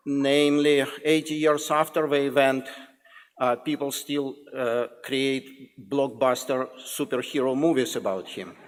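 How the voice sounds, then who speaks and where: A man with a Russian accent giving a joking, formal introduction to a public lecture, pausing and restarting often. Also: mid-range voice. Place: large lecture hall. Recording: lecture hall with long reverb.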